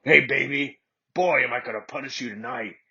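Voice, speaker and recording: Man doing a smug teasing young guy, cocky, husky voice, muffled lo-fi sound. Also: mid-range voice, moderate pace, sharp tone, voice pushed up, heavily acted.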